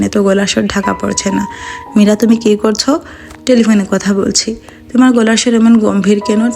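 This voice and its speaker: A woman reading a novel aloud as an audiobook, in an even, measured storytelling manner, lightly voicing the dialogue. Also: mid-range voice, gravelly. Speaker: audiobook narrator. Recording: faint background music.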